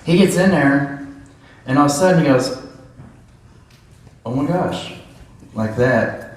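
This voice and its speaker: A man's voice: fairly high pitch, moderate pace. A man's echoey church testimony. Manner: animated storytelling, acting out dialogue. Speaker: church member giving a testimony. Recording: echoey church hall, voice heard from a distance.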